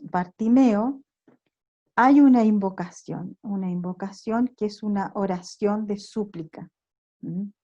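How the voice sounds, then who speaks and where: A woman leading an online prayer workshop, teaching in a slow, reflective way, with "eh" pauses and questions tossed to the group. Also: medium pitch, mellow, highs cut off. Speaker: workshop leader. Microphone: online video call recording.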